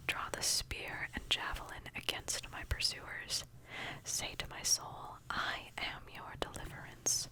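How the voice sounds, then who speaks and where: Slow whispering woman, ASMR scripture reading. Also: rough recording. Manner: whispering throughout, unvoiced. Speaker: ASMR reader.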